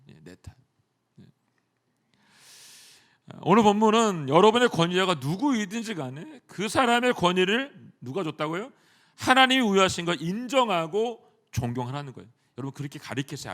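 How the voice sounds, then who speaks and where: A male pastor preaching a sermon in a church, animated and often addressing the congregation directly. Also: a little high. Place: church sanctuary.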